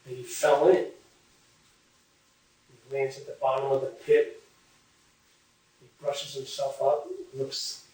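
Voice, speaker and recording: A man slowly telling a moral parable, with pauses and fillers. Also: medium pitch, dark tone. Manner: slow, unhurried storytelling with pauses and fillers. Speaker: storyteller. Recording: very echoey room, far from mic.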